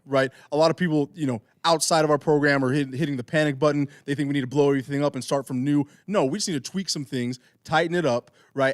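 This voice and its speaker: A man's voice: fairly high pitch, no room sound, studio quality. A man in his twenties, a college athlete, talking earnestly and casually in an interview, repeating phrases as he goes. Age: 20s. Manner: earnest, repeats phrases, often adds "right?". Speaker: college football player being interviewed.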